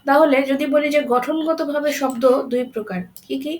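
A woman with a high voice teaches a grammar lesson in a patient, repetitive way, working through each example word by word. A faint hiss sits under her voice. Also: steady tone, moderate pace. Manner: repeats examples, checks with "okay?".

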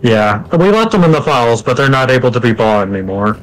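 A young man showing off the game he is developing, relaxed and explaining, laughing often. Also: medium pitch, brisk, soft background music, low-quality recording. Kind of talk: casual gameplay walkthrough.

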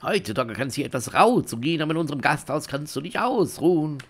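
A man reading game dialogue aloud in character as a shifty, smooth-talking male smuggler innkeeper, with theatrical, wheedling, mock-innocent delivery. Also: a little high, animated, fast, fairly bright tone, voice pushed up. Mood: sly.

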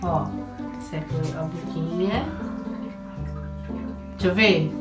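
Slow-talking mother filming a family vlog. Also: lowish voice. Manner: chatty and instructive, coaxing her daughter and often addressing viewers. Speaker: mother filming her child for a family channel. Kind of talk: casual family vlog talk to viewers. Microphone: camera mic, speaking from behind the camera. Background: background music.

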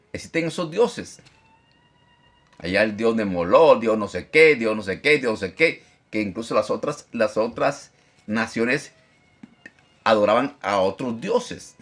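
A man preaching a Bible lesson, animated, repeating phrases for emphasis and mimicking objectors. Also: medium pitch. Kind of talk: live-streamed Bible teaching.

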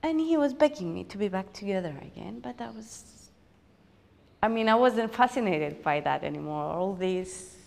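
A woman recounts a painful chapter of her life for a documentary, pausing and restarting as she searches for words. Her mid-pitched voice has a gravelly, fried edge. The recording carries a long, hall-like reverb. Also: darkish tone. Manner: reflective, hesitant, with frequent restarts. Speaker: documentary interviewee. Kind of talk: personal storytelling interview.

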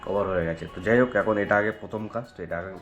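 Rambling rider vlogging. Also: male voice, fairly low pitch, rapid-fire, highs cut off, faint music behind. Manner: rambling, keeps saying "okay" as a filler. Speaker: food delivery rider vlogger. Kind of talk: casual vlog talk to camera.

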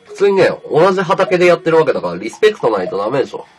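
A man streaming live, chatting casually in a rough, offhand way and answering viewers' comments aloud. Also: on the high side, very animated, rapid-fire, faint music behind. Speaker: livestreamer. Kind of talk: casual livestream chat reading viewer comments.

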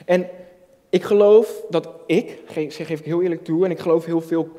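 The voice is fairly high with a dark tone, fairly even intonation and normal speed. It belongs to a man in his early thirties, a junior pastor giving an earnest, reflective sermon that repeats phrases and asks rhetorical questions. He stands at a church-stage lectern, filmed distantly, with long hall reverb.

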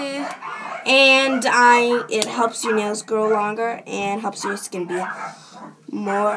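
A teenage girl chatting casually to camera in a home vlog, rambling with lots of fillers. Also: medium pitch. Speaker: vlogger. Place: home bedroom. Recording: noisy home recording, dogs barking. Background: dogs barking.

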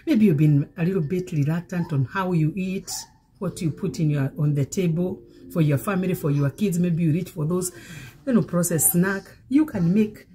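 A woman's voice: fairly low pitch, normal speed, dark tone, low-quality recording. Encouraging pastor woman cooking at home. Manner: encouraging, repeats phrases for emphasis. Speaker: pastor hosting a cooking show. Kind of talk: casual cooking demonstration with preaching. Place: home kitchen at the sink.

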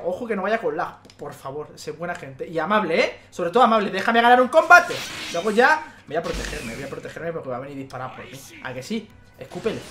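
Excitable young-sounding male gamer from Spain, high bright voice, rapid-fire commentary with faint game music behind. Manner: excitable, frequent swearing and exclamations. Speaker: gaming channel host. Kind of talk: let's play commentary.

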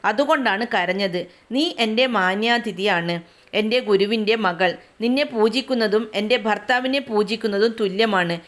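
A woman's voice: mid-range voice, close to an everyday voice. A woman reading the part of a demon disguised as a grieving young woman, who speaks in a mournful, heavy way.

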